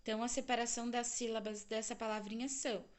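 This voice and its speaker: Teaching young children in a recorded lesson, this woman speaks fast in a fairly high, level voice. She's a primary school teacher with a Brazilian Portuguese accent who draws out syllables and puts questions to the class.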